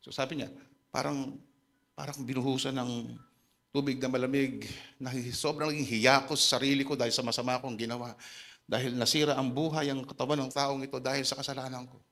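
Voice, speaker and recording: A man with a Filipino accent preaching a sermon, telling a story dramatically and dropping to a hush for quoted lines. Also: mid-range voice, level tone, fairly quick.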